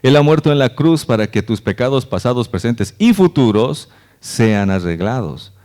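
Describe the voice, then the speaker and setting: A man's voice: mid-range voice, big pitch swings, normal speed, a little mellow. A man, a pastor, preaching a conversational sermon at a church service and often checking in with "¿no?". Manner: earnest, conversational, frequent "¿no?" tags.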